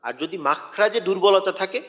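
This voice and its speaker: A man teaching Quran recitation in an online lesson, patiently repeating sounds slowly for his students. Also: high-pitched, big-room sound, lo-fi sound, noisy background.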